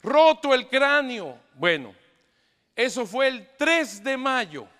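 A middle-aged man, a priest, telling a story to a live audience in an animated, emphatic way with joking asides. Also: very high voice, takes it slowly. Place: large hall with an audience. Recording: echoey hall.

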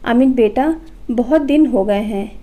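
Brief: meek, loving old mother in a story, read by a woman; soft, dark-toned, slightly high. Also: a little slow, close to an everyday voice. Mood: tender. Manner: soft and affectionate. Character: gentle old village mother, meek and patient.

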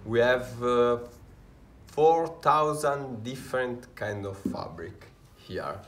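Unhurried Italian-accented young tailor. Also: male voice, mid-range voice. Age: young adult. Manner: halting, with frequent "uh" fillers. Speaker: tailor giving a workshop tour. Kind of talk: casual guided tour. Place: indoor tailoring workshop. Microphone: visitor's handheld camera. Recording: roomy workshop, faint ambience.

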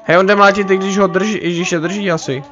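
A young man chatting casually during a game, calmly calling out tactics to a friend. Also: high-pitched. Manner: relaxed, calls out tactics, says dude a lot. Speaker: gamer. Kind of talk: casual gaming chat. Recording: dull lo-fi mic.

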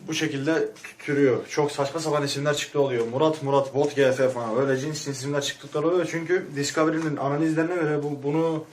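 A man's voice: a little high, fairly even intonation, fast talker, hardly any pauses, a little hiss or hum. A man giving a rambling, crude, mock-serious comic rant, short of breath and muffled by a mask. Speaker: vlogger.

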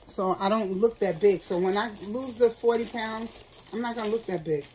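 A woman's voice: mid-range voice, normal speed, a little mellow, slight background noise, rough recording. Chatty middle-aged woman vlogger. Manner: chatty and candid, talks straight to viewers. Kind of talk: casual chat. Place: at home, seated indoors.

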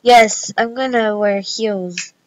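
A woman's voice: medium pitch, slow pace, muffled recording. A woman giving casual, playful commentary while playing dress-up games at a computer. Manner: giggly, playful, chatty. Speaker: gameplay vlogger.

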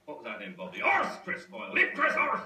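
A daft older sidekick with a sharp, bright voice that swoops wildly up and down, folksy in manner. He sounds distant, in a roomy space. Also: very high-pitched, wildly swooping pitch, a little hiss or hum, full character voice. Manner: folksy, drawn-out bursts of silly impressions. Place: restaurant table.

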